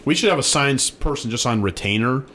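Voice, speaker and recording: A man with a lively, swinging pitch banters playfully as a radio co-host. His stays easy and relaxed. A faint hum of ambience runs under the talk. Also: brisk. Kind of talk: casual chat.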